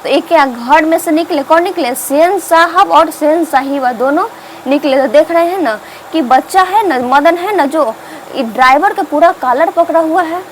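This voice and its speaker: A woman's voice: sits high, moderate pace, a little hiss or hum, low-quality recording. A woman teacher explaining a story to students, asking herself questions and answering them. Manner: repetitive, asks and answers its own questions.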